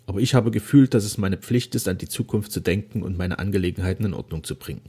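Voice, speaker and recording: An ailing old nobleman from a classic novel, solemn and full of remorse, as a male narrator voices him. His speech is formal and weary, in a dark, husky tone. Each sentence is weighted like a confession. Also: low voice, quick pace.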